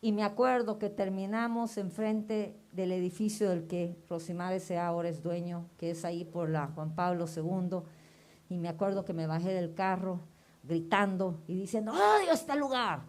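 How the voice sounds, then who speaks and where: A middle-aged woman giving a personal testimony at church, telling her story in a lively way and acting out remembered dialogue. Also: fairly low pitch, moderate pace.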